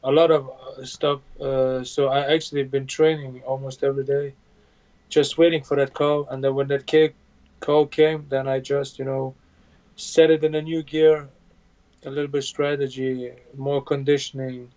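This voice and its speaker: A man's voice: mid-range voice, level tone, darkish tone. A man in his thirties from Bosnia, a native Bosnian speaker, answering interview questions in English over a video call from a room at home, with many fillers and restarts. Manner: plain halting speech with many fillers. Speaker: UFC fighter guest. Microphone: video call webcam. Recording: dull lo-fi video call audio.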